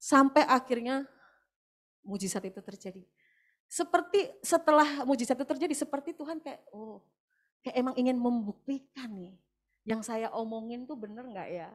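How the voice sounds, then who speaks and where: A middle-aged woman giving an emotional testimony during a church service, her voice rising to loud, emphatic prayer. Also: on the high side, normal speed.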